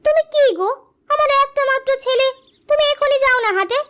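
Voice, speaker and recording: A woman's voice: extremely high pitch, brisk, a bit bright. A woman voicing a doting, emotional village wife and mother in a cartoon, pleading and indulgent. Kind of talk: cartoon voice acting.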